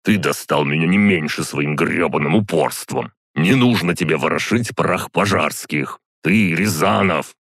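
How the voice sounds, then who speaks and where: A man voicing a stubborn, imperious old count who talks slowly and with indignation, in a dry close recording. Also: extremely low pitch, fairly bright tone, no room sound, heavily acted. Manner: slow, indignant and commanding. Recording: dry close studio sound.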